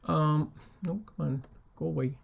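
A man talking casually in a vlog about items he resold, with lots of ums and a relaxed way of talking. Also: a little high, a little slow, vocal fry, breathy edge. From United States. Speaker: reseller showing sold items.

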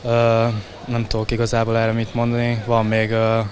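A man's voice: mid-range voice, completely flat delivery. A man in his thirties, a football player, giving a post-match interview outdoors into a handheld microphone. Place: outdoors beside a football pitch.

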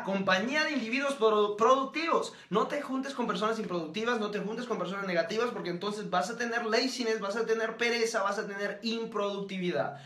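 A man's voice: high voice, pushed and bright, roomy sound. A man giving a live motivational talk, emphatic and preachy, speaking straight to his listeners and answering their comments.

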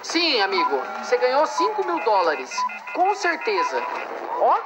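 A man's voice: very high-pitched, huge pitch swings, unhurried, loud music behind the voice. A man doing comedic gameplay commentary, ranting and mocking the ads that keep interrupting him. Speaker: game streamer.

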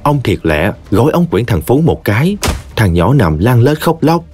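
A man with a Southern Vietnamese accent narrating a story in an expressive, folksy way. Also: mid-range voice, moderate pace, breathy edge, faint music behind.

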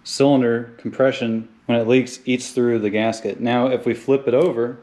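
A man's voice: medium pitch, little pitch movement, moderate pace, a little mellow. A man casually narrating as he works on a car engine, joking and talking to himself between steps. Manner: chatty, jokey, talks to himself as he works. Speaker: car builder. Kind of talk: casual how-to narration while wrenching. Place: garage workshop.

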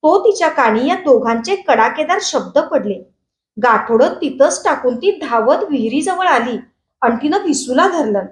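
A woman reads a novel aloud, narrating in a steady storytelling voice. Her voice is high, and the room adds a noticeable echo. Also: moderate pace. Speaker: book reader.

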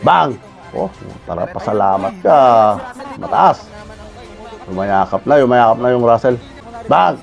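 A man giving a lively reaction commentary on a boxing video, shouting punch sound effects between remarks. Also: mid-range voice, measured pace, vocal fry, long pauses, highs cut off, soft background music, some chatter behind. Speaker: YouTuber reacting to a fight video.

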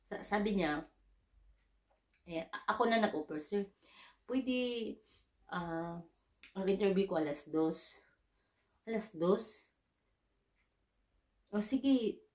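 A woman's voice: medium pitch, a little mellow, reverberant. A Filipino woman, a domestic worker abroad, telling a casual story and acting out her own dialogue. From Philippines. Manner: chatty, mixes English into Tagalog, acts out dialogue.

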